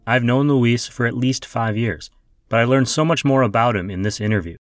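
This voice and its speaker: A man's voice: mid-range voice, normal speed, dry recording. A man hosts a podcast, reading an introduction and then asking questions. He sounds upbeat and friendly. His voice sits in a middle range, and the recording is dry with no room sound. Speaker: podcast host.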